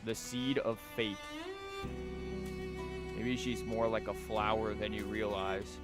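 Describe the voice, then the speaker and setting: Game music plays under this streamer's voice as he livestreams a game, joking around, rambling, and reading dialogue out loud in a casual way. He speaks slowly in a fairly low, steady voice.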